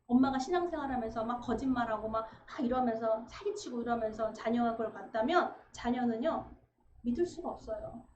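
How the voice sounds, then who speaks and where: A woman preacher giving a conversational sermon, acting out everyday dialogue with sudden lively bursts. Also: fairly high pitch. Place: church sanctuary. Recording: echoey room, dull lo-fi sound, faint noise.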